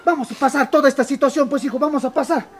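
A man playing a soft-hearted, jobless uncle who pleads and defends himself. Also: very high voice, fast. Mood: soothing.

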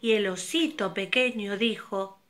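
An older woman telling a children's fairy tale slowly and very expressively, her pitch leaping around. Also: a bit bright. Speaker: storyteller. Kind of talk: storytelling for children.

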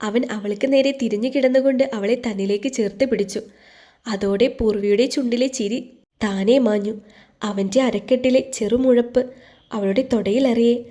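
A woman reads a scripted romance story as a voice-over. Her voice is mellow and soft-edged and sits somewhat high. She keeps the delivery calm, even and intimate. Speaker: voice-over narrator.

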